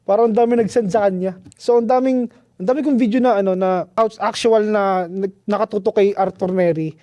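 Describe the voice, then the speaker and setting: High-voiced, mellow man telling a story. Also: a little fast, no room sound. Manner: animated, slangy, keeps saying "tol"; restarts and trails off often. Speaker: podcast guest. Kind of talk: casual storytelling chat.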